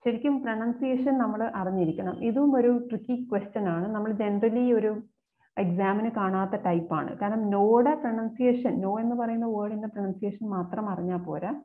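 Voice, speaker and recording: A woman exam coach, reading each question slowly and then explaining it quickly. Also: medium pitch. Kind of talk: explaining exam questions, mixing Malayalam and English. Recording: phone-like narrow sound.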